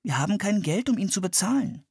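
A man's voice: high voice, very animated, fast, gravelly, darkish tone, husky, no echo, studio quality, voice pushed up, exaggerated voice. A man voicing a nervous young boy who talks urgently and stammers in a storybook reading.

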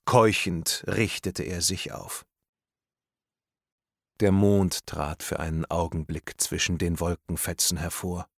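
A man reading a thriller audiobook aloud in a tense, measured storytelling manner. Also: deep voice, fairly even intonation, no room sound, clean studio sound. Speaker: audiobook narrator. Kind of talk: scripted narration of a thriller.

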